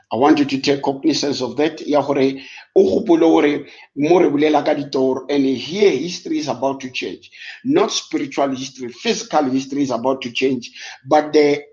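A South African man whose native language is Sotho preaches a live-streamed Bible lesson, switching between English and Sotho and using emphatic repetition and rhetorical questions. His voice is fairly high and a little mellow, captured in dull, lo-fi live-stream audio.

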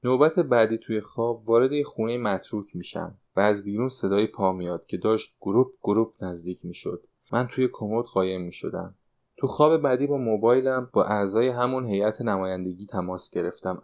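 A retired stage dancer in her late sixties confides her fears and longings in a fretful, wistful way, voiced by a man reading an audiobook. The voice stays fairly low. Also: expressive, a little mellow. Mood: confiding. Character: anxious 69-year-old woman, former stage dancer.

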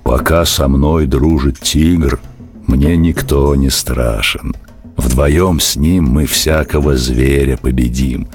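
A man voicing a proud, strong male yak who speaks sternly and slowly. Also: a bass voice, fairly even intonation, darkish tone, soft background music, pitched below the performer's own voice, full character voice.

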